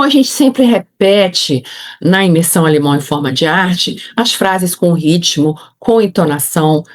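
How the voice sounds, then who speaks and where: Brazilian lady teaching online, coachy, says phrases slow so you repeat, middle-aged, voice a bit low. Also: a little mellow. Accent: Brazilian Portuguese. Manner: coaching, models German phrases slowly for repetition. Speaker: German language teacher. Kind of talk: online language lesson.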